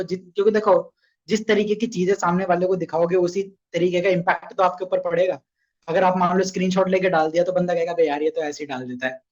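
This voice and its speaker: A man's voice: high-pitched, a little mellow, lo-fi sound. A young man runs a casual online sales training session, chatty and coaxing, often asking his listeners questions.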